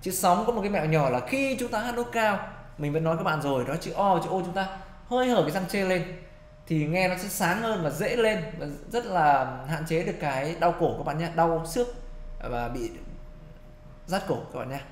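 A man teaching a singing lesson, explaining technique in quick spoken tips and singing short phrases to demonstrate. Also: high-pitched, animated. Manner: brisk, explanatory, sings phrases then breaks them down. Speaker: vocal coach. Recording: echoey room with guitar backing. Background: loud guitar accompaniment.

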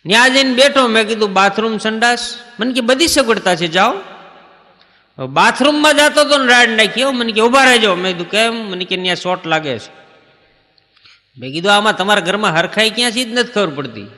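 A man's voice: high-pitched, expressive, fairly quick, bright, forceful tone, in a large hall. A man performing stand-up comedy, telling anecdotes and acting out short exchanges between people. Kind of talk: Gujarati folk stand-up storytelling.

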